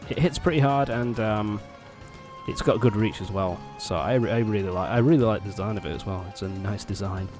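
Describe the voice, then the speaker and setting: A man's voice: fairly low pitch, fairly quick. A young man giving casual, rambling, sweary gameplay commentary while recovering from a cold. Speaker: let's play host. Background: loud game music.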